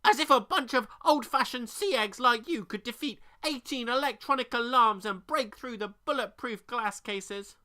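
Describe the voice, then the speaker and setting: A storybook reader voicing an indignant male raven that shouts insults at pirates, screeching and spluttering. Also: medium pitch, normal speed, few pauses, voice pushed up, close to an everyday voice. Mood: accusing. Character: indignant shrieking male raven guarding treasure.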